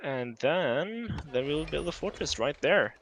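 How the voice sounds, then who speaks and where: A man's voice: on the high side, lively intonation, unhurried, crowd noise. A man from Norway, chatting casually over a strategy game, hedging and thinking aloud with lots of fillers. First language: Norwegian. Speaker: game streamer. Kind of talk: casual gameplay chat.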